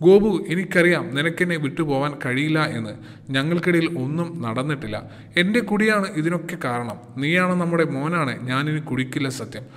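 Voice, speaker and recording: A remorseful husband who pleads and coaxes as he promises to quit drinking, voiced by a man reading aloud. The voice sits a little high and rings with a long reverb. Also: expressive, brisk, lightly acted. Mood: pleading.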